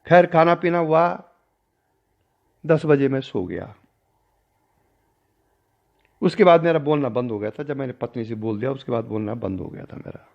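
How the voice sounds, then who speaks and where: An older man, a spiritual teacher, recounting a personal story in a discourse and acting out the dialogue with changing pitch and loudness. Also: normal speed, creaky, long pauses. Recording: dull lo-fi recording.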